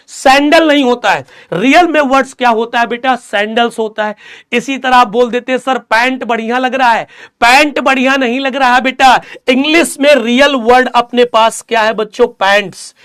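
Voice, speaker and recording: A young man teaching an English chapter to students, reading lines slowly and explaining them, repeating key words as drills. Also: very high-pitched, fairly bright tone, smooth. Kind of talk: explaining a textbook chapter in class.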